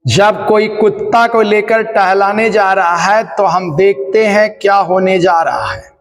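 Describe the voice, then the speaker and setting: A man with a Hindi accent teaching English for an exam, repeating each phrase and translating it into Hindi, with drawn-out exclamations. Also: high voice. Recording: echoey hall with long reverb.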